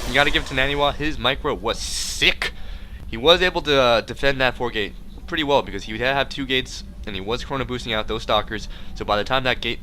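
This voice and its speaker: A man's voice: mid-range voice, bright, forceful tone, slight background noise. A man with a congested, stuffy nose who breathes through his mouth, doing casual, rambling game commentary with joking, self-deprecating asides. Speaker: esports match commentator.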